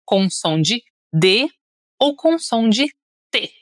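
A woman's voice: fairly high pitch, sing-song, unhurried, no echo, clean studio sound. Upbeat Brazilian woman teaching pronunciation. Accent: Brazilian Portuguese. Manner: upbeat, drills words for the listener to repeat. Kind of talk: podcast lesson.

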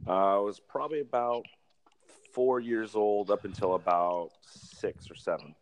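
An easygoing young man guesting on a casual podcast, telling stories about his childhood at a relaxed, friendly pace. His voice sits on the low side for a man. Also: measured pace. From born in South Carolina, military family. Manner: easygoing, storytelling.

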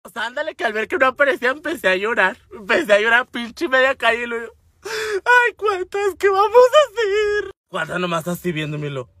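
A man's voice: very high voice, fast, hardly any pauses, dry recording, clean studio sound. A man with a Mexican accent telling a funny personal story, swearing freely and acting out every line people said. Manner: animated, swears freely, dramatic retelling with acted-out quotes; refers to himself with feminine forms. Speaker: vlogger.

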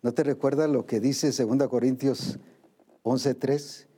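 Warm-toned preacher man, dramatic delivery. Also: mid-range voice, steady tone, a little slow, slightly rough. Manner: preaches with questions and acted-out voices of believers. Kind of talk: sermon.

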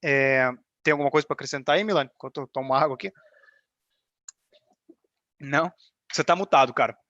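A man's voice: mid-range voice, a little fast, a bit bright, no room sound, lo-fi sound. A man with a Brazilian accent giving an informal explanatory presentation on a video call, often checking in with short tag questions. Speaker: financial advisory firm leader presenting. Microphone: video call microphone.

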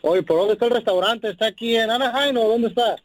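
A man's voice: extremely high pitch, fast. A man on a phone call, answering hesitantly, then pleading defensively. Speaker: prank call target.

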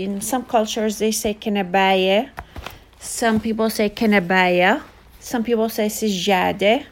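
A woman tutoring Arabic in a casual online lesson, explaining slowly with repetition and frequent fillers. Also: mid-range voice, a little mellow. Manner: slow, repetitive teaching with many fillers.

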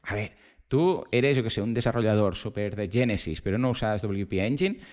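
A man's voice: fairly low pitch, a little fast, a little mellow. A man from hosting a casual tech podcast, explaining with everyday examples and firing off rhetorical questions. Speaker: podcast host.

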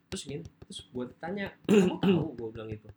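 A woman's voice: very fast, a crowd in the background. A woman telling a story in casual chat, acting out her friends' lines. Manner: animated storytelling, acts out friends' lines in a high voice. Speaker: podcast co-host telling a story.

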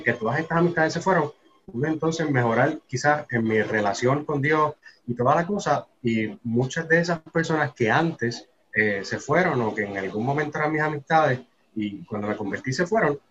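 A man's voice: medium pitch, a bit bright. A man telling his personal faith testimony in a casual conversation, earnest and often checking in with the listener. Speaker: guest sharing a faith testimony. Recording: dull lo-fi sound with faint noise.

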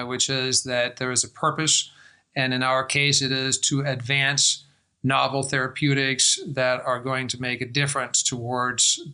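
A middle-aged man from Denmark with an American-influenced Danish accent, giving measured, thoughtful interview answers as a guest. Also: medium pitch, sharp tone, clean tone. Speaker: guest, life-science investor.

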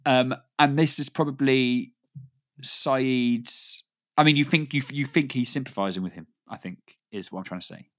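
A man's voice: mid-range voice, normal speed, fairly bright tone. A British man co-hosting a casual podcast chat, rambling with frequent laughs and restarts. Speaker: podcast co-host.

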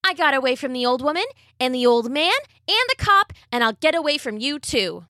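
A woman's voice: sits high, very animated, brisk, sharp tone, no room sound, studio quality, voice pushed up, heavily acted. Woman doing a cheeky sing-song gingerbread man. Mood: taunting, sing-song. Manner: taunting sing-song chant. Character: cheeky runaway gingerbread cookie boy.

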